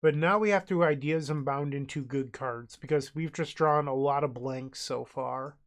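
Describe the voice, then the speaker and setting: A man with a cold, congested and nasal, casually narrates his online card game move by move while thinking aloud. His voice is medium-pitched and his speed normal, in a relaxed gameplay-commentary style.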